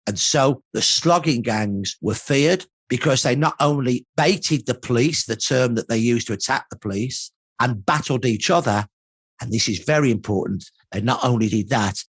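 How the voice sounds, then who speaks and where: An older man from Birmingham, England, serves as the expert in a documentary interview, explaining history emphatically and telling it as a story while repeating points for weight. His voice is mid-range with a breathy edge and no room sound, over background music.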